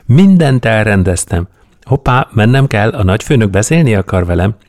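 A man's voice: on the low side, very animated, a little mellow, no room sound, clean studio sound. A man doing a cocky carefree young man. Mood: breezy. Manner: breezy, self-assured.

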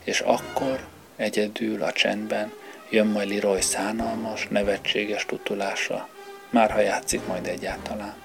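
A man narrating a story as an audiobook reader, in a measured storytelling manner, with music underneath. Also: fairly low pitch, little pitch movement, gravelly. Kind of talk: scripted narration.

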